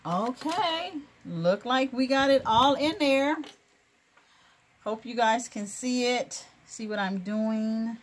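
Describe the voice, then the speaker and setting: Slow-talking woman chatting through a sewing tutorial. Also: on the high side, a little hiss or hum. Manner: chatty and encouraging, laughs often, many fillers. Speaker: crafting video host.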